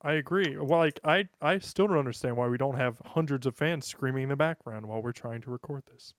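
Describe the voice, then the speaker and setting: An American man co-hosts a podcast, joking casually and rattling off lists of sports names. His mid-range voice is brisk, and the recording is clean studio sound with no room sound.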